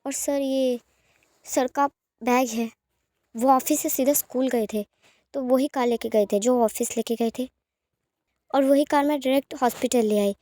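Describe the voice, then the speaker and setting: A woman plays a brisk young secretary who takes charge, steady and firm as she reassures and gives orders. The voice is high and clear, recorded dry and close. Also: no room sound. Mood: reassuring.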